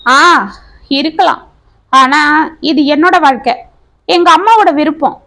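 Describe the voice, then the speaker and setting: Woman doing earnest young man, devoted and determined, high voice. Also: lively intonation, a little slow, fairly bright tone, exaggerated voice.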